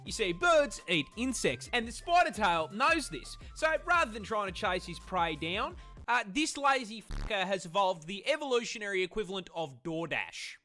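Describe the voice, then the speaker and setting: High-pitched, bright, irreverent male narrator. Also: very animated, normal speed, faint music behind. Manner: sweary, irreverent, slangy. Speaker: animal facts video narrator. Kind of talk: comedic scripted documentary narration.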